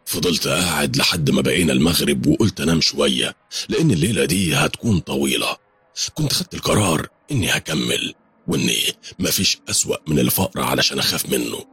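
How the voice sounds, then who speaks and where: Egyptian male horror narrator, deep and husky, dramatic and quick. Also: animated, fairly bright tone, no echo. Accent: Egyptian Arabic. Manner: urgent, dramatic. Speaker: storyteller. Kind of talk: first-person horror story narration.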